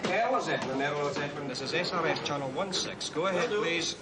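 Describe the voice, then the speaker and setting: A man's voice: on the high side, a little fast, over a noisy crowd. An actor playing a male shore station radio operator who answers a call over a radio, using formal radio procedure. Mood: businesslike.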